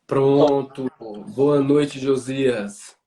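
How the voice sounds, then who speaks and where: A man from Bahia with a Bahian Brazilian accent, hosting a casual online conversation in a halting way, repeating words as he thinks. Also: medium pitch, little pitch movement, mellow. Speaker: host of a live online interview show. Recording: roomy echo, distant microphone.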